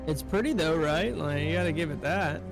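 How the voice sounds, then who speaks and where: Higher-pitched young man streaming a game. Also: fairly quick, over music. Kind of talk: casual gaming commentary and chat.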